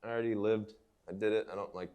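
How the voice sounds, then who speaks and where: A man's voice: on the low side, fairly even intonation, quick pace, a crowd in the background. A man in his thirties hosting a casual, joking podcast chat. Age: 30s. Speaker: podcast host. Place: basement.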